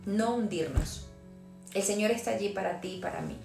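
A woman's voice: mid-range voice, animated, moderate pace, vocal fry. A woman preaching a sermon with fervor, taking on the voice of the Lord in quoted passages. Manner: fervent, voicing the Lord's words in quotes. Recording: echoey room with music behind.

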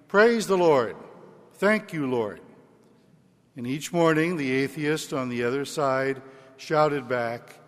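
Slow priest in a cathedral-like echo. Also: male voice, on the high side. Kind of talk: liturgical Gospel reading and homily. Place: large reverberant church. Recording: echoey cathedral-like hall with long reverb.

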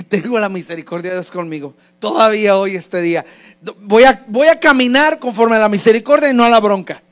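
A man's voice: high-pitched, animated, a little fast, fairly bright tone. A man preaching a fervent sermon, declaiming and repeating phrases.

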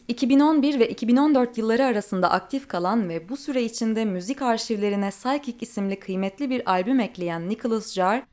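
A woman hosting a news podcast, reading a scripted bulletin in a clear, measured way. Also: on the high side, a little mellow. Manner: clear, measured newsreader delivery.

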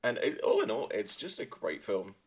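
A man's voice: on the low side, sing-song, moderate pace, husky. A man co-hosting a casual podcast chat, sweary and rambling, with laughing asides. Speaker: podcast co-host.

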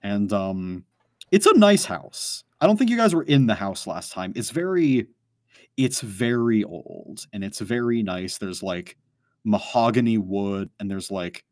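A man's voice: lowish voice, expressive, a little slow, a little mellow, no echo, studio quality. A man narrating a tabletop game as game master, rambling with many fillers. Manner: rambling, full of "like" and "um".

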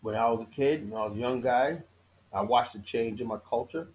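A middle-aged podcast host delivers a casual, preachy monologue on his own show, repeating key lines for emphasis and often halting and restarting. His mid-range voice has a darkish tone, and the recording is rough.

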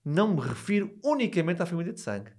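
A man's voice: high-pitched, sing-song, fast, gravelly, a little mellow. A man with a European Portuguese accent speaking as a guest in a casual conversation, emphatic and insistent, often repeating himself to drive a point. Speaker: interview guest, book author. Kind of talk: casual chat.

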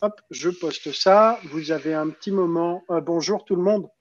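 A man's voice: a little high, normal speed, highs cut off, slight background noise. A man hosting a casual live stream, chatty and stumbling over restarts while greeting viewers.

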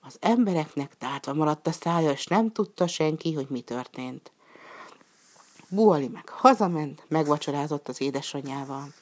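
A woman narrating a folk tale in a calm storybook reading manner, lifting her voice for the characters' lines. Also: deep voice.

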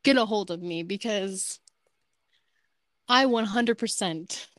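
In a recording with no room sound, a late-twenties woman co-hosting a podcast talks slowly in a mid-range voice. Her casual chat is blunt and frank, packed with filler words.

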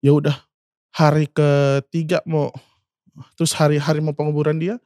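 A man in his twenties, a singer and guest, telling an emotional personal story in a halting way, full of fillers and speaking of himself by name. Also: a little high, level tone, a little mellow, no room sound, studio quality. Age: 20s.

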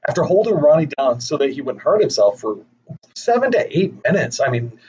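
A man's voice: on the high side, very animated, brisk, darkish tone, slightly rough. Profane jokey young man telling stories. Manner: profane, jokey asides, frequent laughs. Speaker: podcast host. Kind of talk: casual comedic storytelling. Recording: dull lo-fi recording with faint noise.

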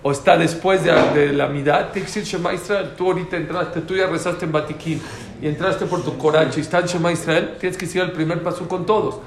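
A man's voice: a little high, fairly even intonation, fairly quick. A man teaching a religious class. He is emphatic, repeats his key points and answers students' questions directly. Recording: roomy, faint background noise.

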